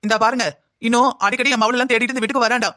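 A man's voice: very high voice, little pitch movement, racing, pushed and bright, no echo, studio quality. A man voicing a stern, grieving father in a cartoon drama who reproaches his son-in-law. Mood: reproachful. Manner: reproachful, accusing.

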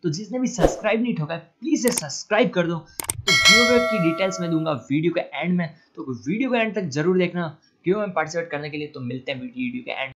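A man's voice: on the high side, fast talker, heavy background noise. A man hosting a gaming channel, talking casually and pleading defensively with two women over voice chat. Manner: pleading, defensive, keeps saying yaar.

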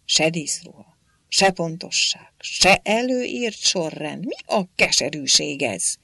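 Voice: medium pitch, animated, gravelly, bright, forceful tone, no echo, clean studio sound, heavily acted. A narrator voicing a stern male archangel commander who snaps demanding questions in an audiobook.

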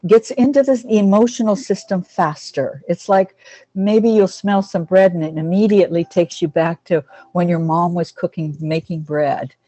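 A woman with a fairly low, mellow voice teaches a casual online class over a video call, with no room sound. She's an animal communicator, chatty and affectionate, calling people "honey" and "sweetheart."

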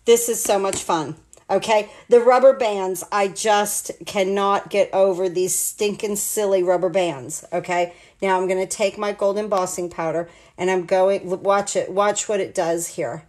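A woman's voice: medium pitch, fairly even intonation, a little slow, a little mellow. A woman in her sixties from the United States, chatting and explaining each step as she demonstrates card making at her craft table. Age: 60s. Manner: chatty, rambling, talks through each step. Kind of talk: live card-making demo. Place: home craft table, indoors.

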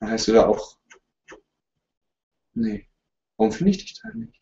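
With a fairly low, sing-song voice full of vocal fry, this YouTuber speaks a little slowly and mellowly while answering livestream viewers' questions in a jokey, apologetic tone. He's sitting in front of a couch in a room at home. The audio is dull, distant, and roomy, typical of a webcam stream.

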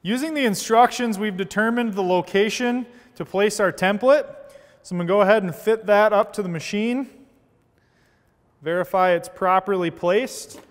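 A fairly high-pitched man in his thirties walks through an installation with steady, methodical instructions. His voice carries a long reverb from a large indoor workshop, picked up on a lapel mic. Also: moderate pace. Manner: steady, methodical step-by-step explaining. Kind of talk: scripted how-to narration.

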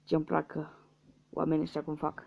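A man's voice: on the high side, monotone, vocal fry. A young man from Romania giving casual let's-play commentary, muttering guesses and swearing at losses. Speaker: gaming youtuber. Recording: dull lo-fi mic with faint hiss.

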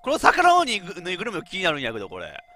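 A man's voice: high voice, rapid-fire. A man with a giving chatty, laughing let's-play commentary as a game streamer. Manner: animated, chatty, laughs often, talks to himself.

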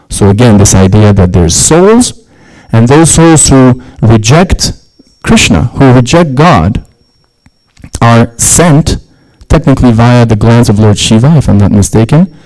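A man's voice: medium pitch, dark tone, rough recording. A man giving a religious scripture lecture in a conversational way, with frequent restarts and "right?" asides.

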